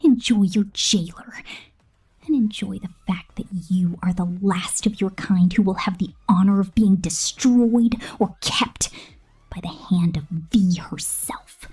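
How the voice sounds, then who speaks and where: In a whispered ASMR roleplay, a woman plays a possessive, menacing female killer robot, her delivery breathy and theatrical. Her voice is mid-range and darkish in tone, moving a little slowly.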